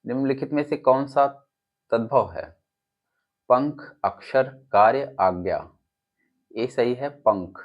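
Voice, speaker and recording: A man's voice: medium pitch, slow, pauses often. A male teacher with an Uttar Pradesh Hindi accent, reading quiz questions and their options, then giving the answers and explaining them. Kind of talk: exam-prep lesson, reading quiz options. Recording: dull lo-fi audio.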